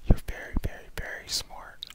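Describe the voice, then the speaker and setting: A young adult man whispers a reassuring ASMR pep talk of affirmations straight to the listener, close on a headset microphone. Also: moderate pace. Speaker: ASMR host. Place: indoors, small room at home. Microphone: headset microphone close to the mouth.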